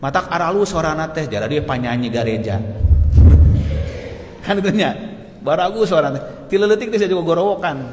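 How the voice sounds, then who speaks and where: A man with a Sundanese accent preaching a sermon, telling stories with lively energy, laughing often and shouting out the lines he quotes. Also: fairly high pitch, normal speed, pauses often. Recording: echoey hall with faint noise.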